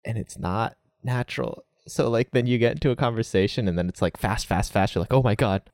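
A young man in a casual interview, talking about learning Japanese, relaxed, often laughing and saying "like". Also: lowish voice, a little fast, dry recording, clean studio sound.

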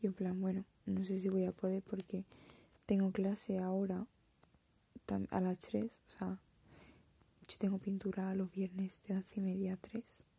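Young woman in her twenties, mellow, husky whisper, hesitant confessional vlogger. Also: mid-range voice, monotone, measured pace, dry recording. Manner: soft whisper, hesitant and reflective. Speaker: art student.

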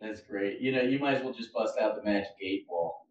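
A man's voice: on the low side, fairly quick, background noise. A male podcast host tossing in wry joking asides in casual chat. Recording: roomy, far from the mic, dull.

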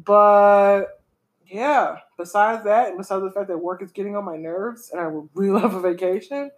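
A woman's voice: medium pitch, normal speed. A woman co-hosting a podcast from home, chatting casually and animatedly with an opinionated tone and a lot of "y'all". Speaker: podcast co-host.

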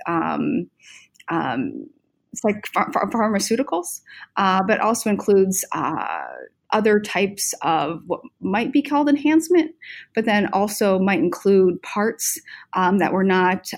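A woman on a panel explaining in an academic but conversational way, hesitantly searching for her words. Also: mid-range voice.

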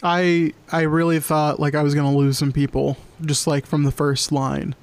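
A young man co-hosts a podcast in relaxed chat, leaning on "like" and small fillers between thoughts. His voice sits a bit higher than most men's. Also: moderate pace, clear, resonant tone, dry recording. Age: young adult. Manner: filler-heavy, lots of "like". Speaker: podcast co-host. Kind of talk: casual chat.

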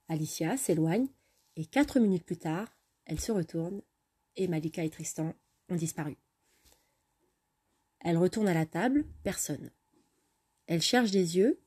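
A woman narrating a story in a steady, plain manner. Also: on the low side, breathy edge.

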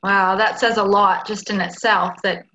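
A woman's voice: medium pitch, level tone, moderate pace, pushed and bright, lo-fi sound. A woman hosting an interview, encouraging and affirming her guest. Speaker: interview host. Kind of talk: conversational interview.

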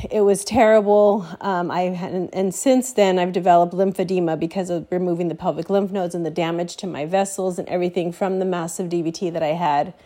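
A woman's voice: medium pitch, a little mellow. A congested woman podcaster giving a candid, rambling personal update at home, with frequent fillers and restarts.

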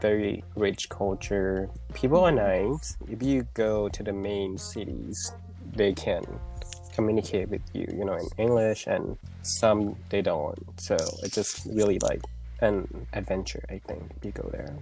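A man's voice: fairly low pitch, a little slow, creaky, warm tone, soft background music, low-quality recording. A man from Thailand with a Thai accent, speaking English as a second language, chatting casually as a guest and searching for words as he goes. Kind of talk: casual chat.

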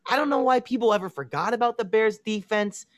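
Chicago guy on a sports podcast, kinda high voice, dry close sound, confident takes. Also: dry recording. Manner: confident, analytical, fast predictions. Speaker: podcast co-host. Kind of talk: casual sports chat.

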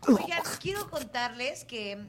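A woman with a Mexican accent, hosting a podcast with relaxed, teasing banter. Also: a little high, unhurried, crowd noise. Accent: Mexican Spanish. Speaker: podcast host. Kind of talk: casual chat.

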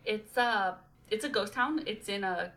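A woman's voice: medium pitch, unhurried, a bit bright, poor audio. A young woman hosting a casual podcast, chatting and rambling with lots of fillers and giggles. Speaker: podcast host.

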